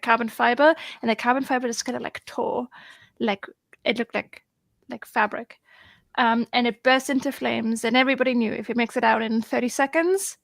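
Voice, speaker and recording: Woman on a video call, excitable and rambling, slightly high, gravelly. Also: dry recording. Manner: excitable, rambling, lots of fillers. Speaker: guest on a group video chat. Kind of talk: casual chat.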